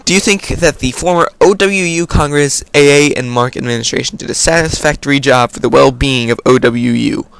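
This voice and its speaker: A man's voice: mid-range voice, a little fast, vocal fry, hardly any pauses, a bit bright, clear, resonant tone, no room sound. An American man hosting a casual question-and-answer video, reading viewer questions aloud and then answering in an offhand way. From United States. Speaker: video host. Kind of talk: casual Q&A vlog.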